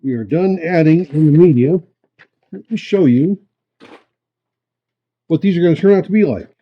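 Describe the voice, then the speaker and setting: A man giving a folksy, unhurried hands-on demonstration, thinking aloud, his voice muffled by a camera microphone. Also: a little high, lively intonation. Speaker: host of a rock tumbling hobby channel. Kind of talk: casual hands-on demonstration talk. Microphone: camera's built-in microphone.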